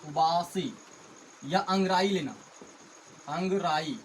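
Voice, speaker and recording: High-voiced man teaching English words. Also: slow pace, slight background noise, rough recording. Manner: spells words out letter by letter and repeats them; addresses viewers as friends often. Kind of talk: vocabulary lesson in Hindi.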